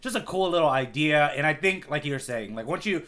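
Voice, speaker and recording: Recapping a manga arc on a podcast, the male co-host rambles casually as he thinks aloud, leaning on "like" often. He sounds animated and a bit bright, with a voice on the higher side and a slightly quick pace.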